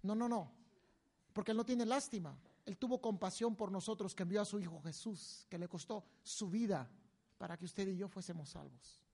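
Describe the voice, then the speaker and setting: A male preacher delivers a sermon. His delivery is animated, with sudden loud, emphatic bursts. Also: sits high, moderate pace, vocal fry, breathy edge.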